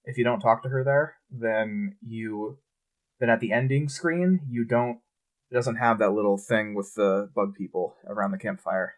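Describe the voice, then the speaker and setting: Guy cohosting a podcast, kinda low voice, super relaxed, swears a lot. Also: normal speed. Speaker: podcast co-host. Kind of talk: casual chat.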